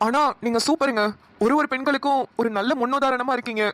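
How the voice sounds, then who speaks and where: A woman's voice: high voice, fairly even intonation, fast talker, no echo, lightly acted. A woman voicing a sorrowful lonely young man. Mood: sad, lonely. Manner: mournful, heavy-hearted delivery. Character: sad lonely young man, caring brother. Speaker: cartoon voice actor. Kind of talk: Tamil cartoon dialogue.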